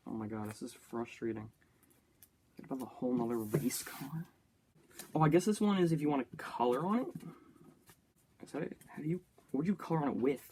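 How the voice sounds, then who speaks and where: Chatty, excitable young man. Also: medium pitch, fairly quick, pauses often, a little hiss or hum. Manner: chatty self-talk, easily excited, jokey. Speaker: YouTuber. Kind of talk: casual build-and-play commentary.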